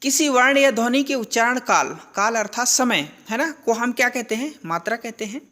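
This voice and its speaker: A woman's voice: a little high, fairly quick, bright, forceful tone. A woman teaching a grammar lesson, who asks questions and answers them herself and repeats the key terms. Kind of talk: classroom-style lesson.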